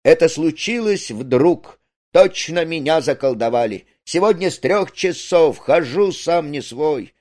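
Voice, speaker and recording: A man voicing an excitable, pompous young man in love who speaks in ceremonious declarations. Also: fairly high pitch, unhurried, voice pushed up. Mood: excited.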